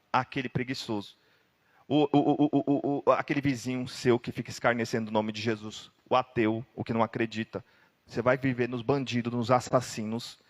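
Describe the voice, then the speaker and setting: A Brazilian man preaching in a church hall, and his voice rings with a long reverb. He tells his story dramatically and breaks into sudden loud outbursts. His pitch sits around the middle for a man. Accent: Brazilian Portuguese. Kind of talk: sermon.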